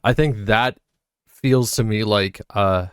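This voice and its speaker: Rambling low-voiced male host. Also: slow, clean tone, dry recording, clean studio sound. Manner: rambling, self-correcting. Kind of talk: casual group discussion.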